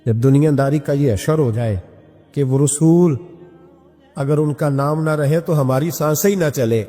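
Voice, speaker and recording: A man's voice: on the high side, mellow. A man preaching an impassioned sermon full of rhetorical questions. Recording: reverberant hall with faint music.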